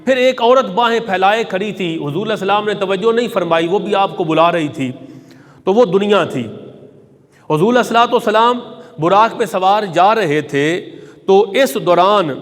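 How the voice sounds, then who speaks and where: A man's voice: high-pitched, in a large hall. A man preaching a Friday sermon, telling a sacred story reverently and reciting Arabic hadith.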